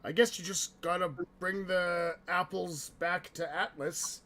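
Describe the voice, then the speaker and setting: A man voicing a commanding Greek sky god in a booming, drawn-out manner for a tabletop game. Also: fairly even intonation, bright, forceful tone, exaggerated voice.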